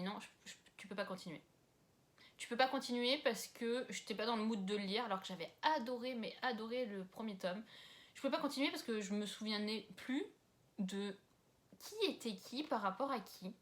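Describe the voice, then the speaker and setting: A young woman from France chatting casually about books at home, rambling and self-deprecating with lots of fillers and asides. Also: on the high side. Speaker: book vlogger.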